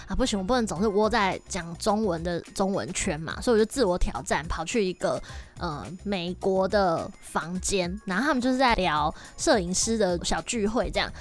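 A young woman, hosting a casual podcast and telling stories in a lively, chatty way. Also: mid-range voice, normal speed, faint music behind. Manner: lively, chatty, animated storytelling. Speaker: podcast host.

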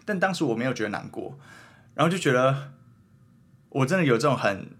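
A young man with a Taiwanese Mandarin accent talks quickly in a husky voice. He is a podcast host in easygoing chat, rambling and questioning himself as he works through his thoughts out loud. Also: mid-range voice, expressive. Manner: earnest, rambling, self-questioning. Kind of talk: casual chat.

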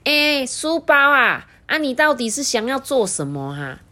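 A woman voicing a sensible, brisk mother in a storybook, nagging and scolding. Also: high-pitched, sing-song, bright, forceful tone, pitched above the performer's own voice, full character voice. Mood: polite.

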